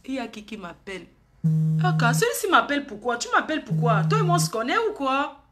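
A woman's voice: high voice, very animated, a little fast. A woman, chatting and gossiping on a live stream, teasing and often laughing.

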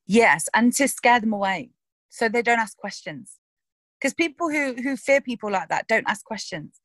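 A young actress chats casually in an interview about one of her roles, lively and eager to perform the quoted lines. Her voice is on the high side and the recording is dry.

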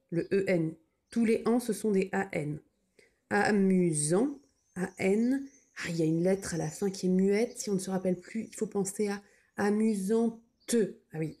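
A woman's voice: mid-range voice, mellow. A woman teaching children to spell, patiently sounding out words and naming their letters one by one.

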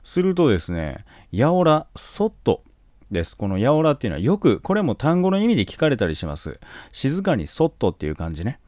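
A man with a Kansai accent teaching classical literature for exam prep, joking about the scenes and acting them out. His pitch leaps up and down constantly, and the sound is dry and close, with no room echo. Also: a little fast. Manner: joking, animated, acts out scenes.

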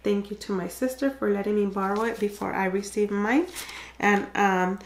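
A woman's voice: mid-range voice, fairly even intonation, normal speed, reverberant, a little hiss or hum. A woman beauty vlogger chatting casually to camera, with a stuffy, congested voice and lots of fillers. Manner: chatty, many fillers and likes.

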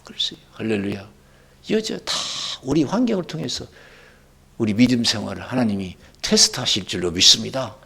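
A male pastor preaching a sermon, with sudden loud rising bursts and quoted dialogue. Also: medium pitch, expressive, a little fast, vocal fry, husky.

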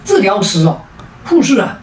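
A woman's voice: medium pitch, sing-song, normal speed, darkish tone, roomy sound, far from the mic. Taiwanese-accented woman telling jokes. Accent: Taiwanese Mandarin. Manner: sing-song, sentence-final particles. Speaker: joke teller. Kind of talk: storytelling comedy.

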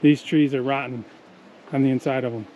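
This time the voice is mid-range, steady, and warm, and the man talks briskly. He's a forties-aged hiker vlogging a forest trail and offering casual thoughts on the trees, captured outdoors by an action camera he holds or wears, with the highs cut off and slight background noise.

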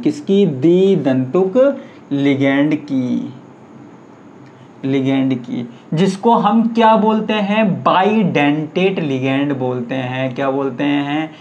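A man's voice: fairly high pitch, darkish tone, highs cut off, a little hiss or hum. A man teaching a chemistry lecture, asking the class questions and answering them himself, repeating key terms.

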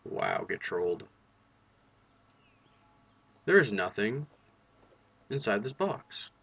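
A young man hosting a casual let's play in a fairly low voice with a bright, forceful edge. He is reactive and jokey, and swears freely. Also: sing-song, slow pace, creaky, breathy edge. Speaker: gaming video host.

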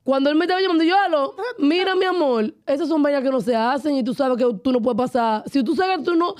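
A young Dominican woman co-hosting a casual podcast, telling an animated story in quick bursts. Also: high voice. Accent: Dominican Spanish. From Dominican Republic. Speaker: podcast co-host. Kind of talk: casual chat.

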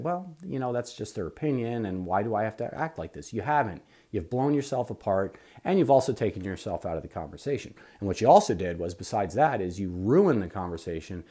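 Animated, husky-voiced man preaching. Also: fairly low pitch. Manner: animated, preachy, rambling with asides. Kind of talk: opinion monologue on faith.

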